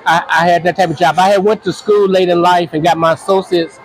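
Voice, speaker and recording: A man in his sixties from the United States, answering interview questions in a halting, earnest way with many restarts. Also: sits high, steady tone, a little hiss or hum, poor audio. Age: 60s. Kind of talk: casual interview.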